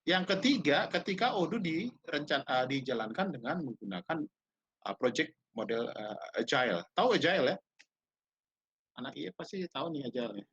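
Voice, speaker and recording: A man's voice: a little high, big pitch swings, normal speed, fairly bright tone, husky, dull audio. A man with a slight tinge giving a casual online university lecture, chatty and teasing, often quizzing his students.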